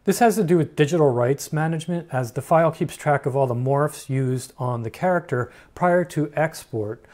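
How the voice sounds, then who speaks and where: A man hosting a software tutorial, explaining each step frankly with dry humor. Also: medium pitch. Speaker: tutorial host. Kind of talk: screen-recorded software tutorial.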